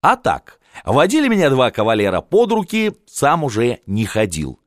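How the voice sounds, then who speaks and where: A man reading an audiobook, voicing a rowdy, boastful old male official in a loud, raised voice. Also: mid-range voice, wildly swooping pitch, moderate pace, no room sound, clean studio sound, voice pushed up.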